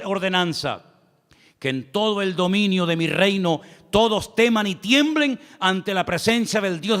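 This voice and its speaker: A man with a high voice preaches to his congregation, swinging from a quick chatty storytelling tone to slow, drawn-out scripture reading. He calls his listeners brother and keeps asking for amens. A long reverb trails his words as in a large hall. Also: a bit bright. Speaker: pastor. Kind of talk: sermon.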